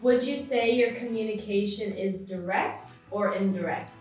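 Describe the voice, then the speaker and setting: A woman's voice: medium pitch, normal speed, a little mellow, reverberant, soft background music. A woman hosting a discussion, reading out prepared introductions and questions. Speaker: host. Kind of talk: scripted host introduction and questions.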